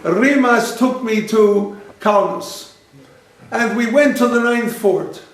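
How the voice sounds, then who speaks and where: A man's voice: high voice, takes it slowly. Man, rabbi giving a lecture, storytelling, repeats himself, acts out dialogue, echoing room.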